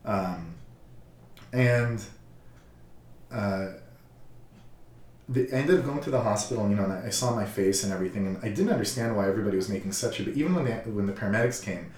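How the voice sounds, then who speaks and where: Calm male counselor, low voice, reflective and halting; roomy, slightly distant sound. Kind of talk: casual personal storytelling.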